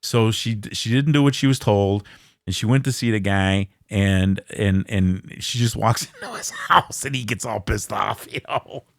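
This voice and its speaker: A man co-hosting a casual horror movie podcast, talking excitedly with lots of stammering restarts and blunt, profane words. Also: on the low side, moderate pace, vocal fry, no echo, studio quality. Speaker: podcast co-host.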